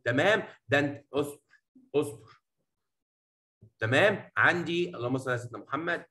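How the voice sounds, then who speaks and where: A man with an Egyptian Arabic accent teaching a poetry lesson in a classroom, talking affectionately to his students and mixing Arabic with slowly read English lines. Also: fairly high pitch, animated, bright, forceful tone, echoey room, poor audio. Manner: affectionate, addresses students as "habibi" and "baba"; mixes Arabic explanation with slow English reading.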